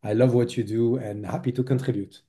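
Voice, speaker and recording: A man's voice: mid-range voice, fairly even intonation, brisk, dark tone. A man in his forties from Lebanon, a podcast guest recounting his career with frequent hesitations. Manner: hesitant, many filler sounds. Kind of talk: interview conversation.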